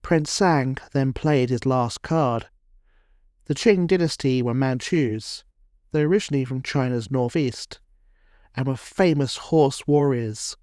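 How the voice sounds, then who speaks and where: A man narrating a history documentary from a script, in a measured, dramatic storytelling cadence. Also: mid-range voice, a little mellow, dry recording, studio quality.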